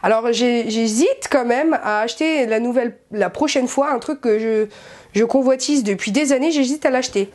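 A woman vlogging at home in a chatty, excitable way, full of fillers and self-mocking asides, speaking to a camera set back from her. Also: on the high side, moderate pace. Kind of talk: casual haul vlog.

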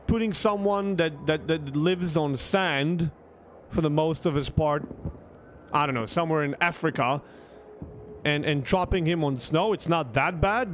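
There's slight background noise as a young adult streamer with a Croatian accent and a fairly high voice talks casually to his livestream chat, telling a story. He's emphatic and swears, often repeating words for emphasis. He speaks close to a desktop microphone with a headset.

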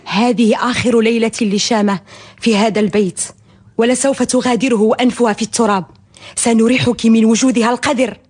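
An actress playing a spiteful female accomplice in a historical radio drama, husky and formally venomous. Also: fairly high pitch, steady tone, fairly quick, a little mellow.

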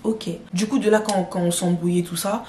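A young woman vlogger animatedly retells some drama in a casual, slangy storytime, speaking straight to her viewers. Her voice is medium-pitched at a moderate pace, recorded with a roomy echo and a little hiss or hum.

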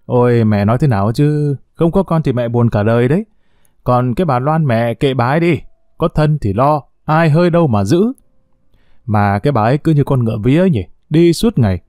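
A man's voice: mid-range voice, animated, fairly quick, darkish tone, dry recording, studio quality, close to an everyday voice. A man voicing a cocky, flippant young son. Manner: brash, flippant, chatty.

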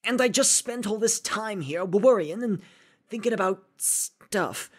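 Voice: medium pitch, a little slow, lightly acted. An actor voicing an anxious young figure who stammers, swears and apologizes sheepishly.

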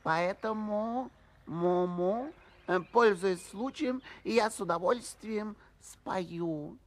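A woman voicing a huge, dreamy, music-loving cow in a children's audio story, drawn-out and affected, with moos. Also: mid-range voice, natural voice. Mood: dignified, wounded. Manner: slow, drawn-out, affected, mooing.

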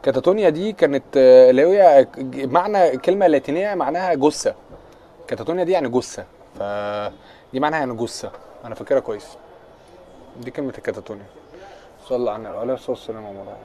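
Egyptian guy on a live stream, talks super fast and teasing, bit of faint noise behind. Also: mid-range voice, dark tone. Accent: Egyptian Arabic. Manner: joking, playful and teasing. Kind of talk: casual live-stream chat answering viewer comments.

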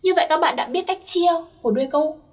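A woman's voice: high voice, fast, darkish tone, distant mic. A young woman teaching Korean grammar step by step, patiently checking that her listeners follow. Her first language is Vietnamese.

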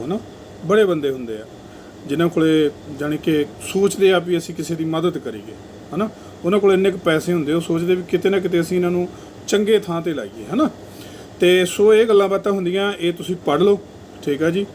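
A man's voice: on the high side, slight background noise, poor audio. A man recording a casual charity appeal outdoors, talking to his viewers and tagging his sentences with "right?". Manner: conversational, keeps adding "right?" tags. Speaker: vlogger making a charity appeal. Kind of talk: casual talk to camera.

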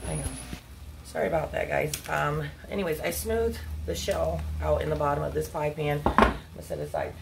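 With a camera angled down at her stove, a woman in her thirties chats through her home cooking, full of ums and apologies. Her low voice is animated and a little fast, set against a noisy background of frying sizzle and stirring.

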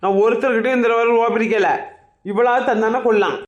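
A demanding woman loan collector, played by a woman in a comic sketch, speaks in a Kanyakumari Tamil accent. She scolds in a rapid torrent of words. The room around her voice rings with echo. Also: on the high side, fairly even intonation, highs cut off, voice pushed down, close to an everyday voice.

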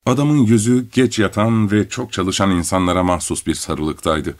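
A man narrating an audiobook in a measured storytelling manner. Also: sits low, steady tone. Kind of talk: scripted narration.

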